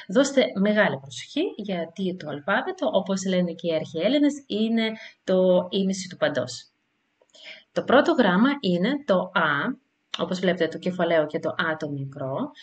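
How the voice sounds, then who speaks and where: A woman teacher giving a beginner language lesson, explaining slowly and carefully with frequent hesitations and sounding out example letters and words. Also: medium pitch.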